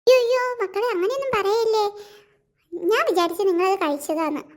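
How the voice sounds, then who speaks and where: A woman's voice: extremely high pitch, animated, fairly quick. A woman voicing a cartoon mother who scolds and soothes her children. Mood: fussing. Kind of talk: cartoon voice acting.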